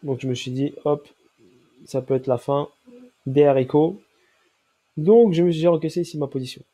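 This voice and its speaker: A man's voice: fairly high pitch, steady tone, normal speed, warm tone. A man with a stuffy nose and a nasal voice from a cold, walking viewers through a trading chart and stopping often to check that they follow. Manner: explanatory, checks in with listeners often. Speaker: crypto trading analyst. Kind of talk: chart analysis walkthrough.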